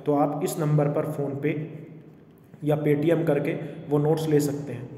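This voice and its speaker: An online exam coaching teacher runs a quiz lesson for viewers, repeating questions instructively and switching into English phrases. His voice is fairly high, warm, and slow with little pitch movement, recorded in an echoey, reverberant room with faint noise.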